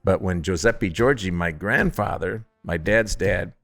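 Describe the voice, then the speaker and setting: A man's voice: sits low, a little slow, vocal fry, soft background music. A man from Upstate New York, a distillery founder, telling stories casually in an interview, acting out quotes with jokey, self-deprecating humor. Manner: animated storyteller who acts out quotes, jokey and self-deprecating.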